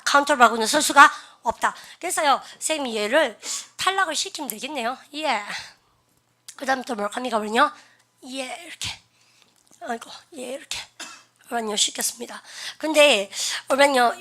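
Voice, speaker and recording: A bright, forceful woman teaches an English grammar class. She talks in a chatty way, asks her students questions, and has them repeat phrases aloud. Her voice sits a little high. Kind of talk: classroom lecture.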